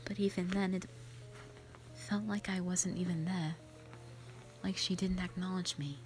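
A woman voices an ancient she-dragon, gentle and protective of her kin, in an intimate, ASMR-like audio drama monologue with music behind it. Her low, hushed voice is almost all breath, moving very slowly and halting under old sorrow, with fairly even intonation and light acting. The mood is troubled and wistful.

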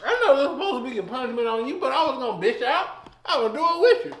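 A man's voice: very high-pitched, expressive, rapid-fire, a bit bright. A young man ranting casually with lots of swearing, worked up and talking with his mouth burning from spicy food. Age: young adult. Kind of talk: casual chat, profane ranting. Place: home kitchen, indoors. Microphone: handheld camera a few feet away. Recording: echoey room, music behind.

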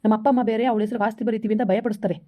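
A woman playing Arun, a smooth-talking two-timer. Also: mid-range voice, flat delivery, racing, dark tone, natural voice. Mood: coaxing. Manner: coaxing, placating. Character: young married man, smooth-talking deceitful lover.

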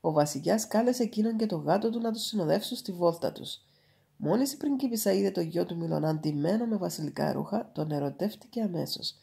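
A woman reading a fairy tale aloud in a calm, measured storytelling manner. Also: fairly low pitch, gravelly.

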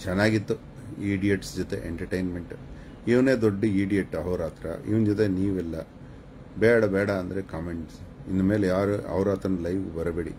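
A man's voice: sits low, steady tone, normal speed, darkish tone, slight background noise. A man hosting a live stream, lecturing his viewers in a preachy, scolding and mocking way. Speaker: channel host giving advice on a live stream.

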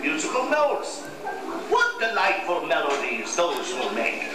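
A whimsical dreamer inventor, grand sing-song voice, slow, high and lively, distant and echoey with music behind, old VHS tape sound. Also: male voice. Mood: delighted. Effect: attraction audio heard on an old home video tape.

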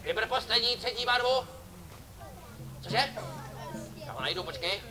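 A man's voice: very high-pitched, music in the background. A man performing as a street clown for children at an outdoor summer festival, joking and teasing volunteers from the audience. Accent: Czech. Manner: playful, teasing banter with kids and audience. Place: outdoor festival stage before a crowd. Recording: lively crowd behind.

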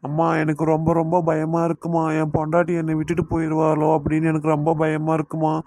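A man's voice: fairly high pitch, completely flat delivery, fast, darkish tone, natural voice. A man voicing an anxious, fearful young husband in a cartoon, worried and pleading, with a Kanyakumari Tamil accent.

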